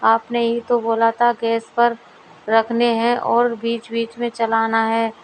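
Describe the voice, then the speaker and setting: Read by a woman, a naive young daughter-in-law who takes every instruction literally. The voice sits high and barely moves in pitch. Delivery is slow and earnest. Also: completely flat delivery, a little hiss or hum, low-quality recording. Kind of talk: storybook dialogue reading.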